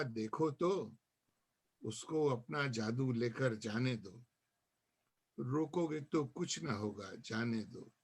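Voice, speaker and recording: A man reciting his own poem at a literary gathering, in a measured style with repeated refrains, then telling a story about an earlier poetry evening. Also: medium pitch. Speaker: poet.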